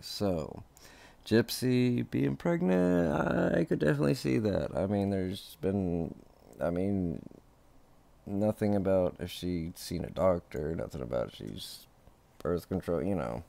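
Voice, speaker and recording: Man, very deep, slow talker, gossip vlog host, chatty, laughs along. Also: gravelly, darkish tone. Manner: chatty, laughs at his own remarks. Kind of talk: casual gossip chat.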